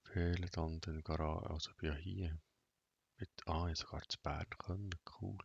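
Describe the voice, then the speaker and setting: A man with a Bernese Swiss German accent giving casual let's play commentary in a flat, monotone way, half talking to himself. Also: low-pitched, normal speed, vocal fry, breathy edge, dry recording, muffled recording. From Switzerland. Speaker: gaming video host. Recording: noisy, vehicle engine and clicking behind. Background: truck game engine sounds and clicks.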